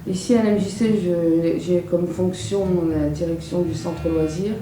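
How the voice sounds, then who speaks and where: A youth center director, a woman, speaks earnestly and haltingly in a group discussion. She sounds distant from the mic. The echoey room carries clear background noise. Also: on the low side, steady tone.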